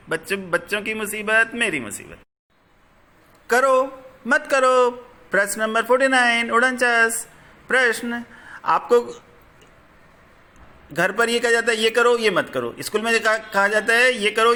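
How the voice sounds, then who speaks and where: A man's voice: high-pitched, sharp tone. A man teaching young pupils, reading textbook questions aloud and repeating each answer. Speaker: school teacher.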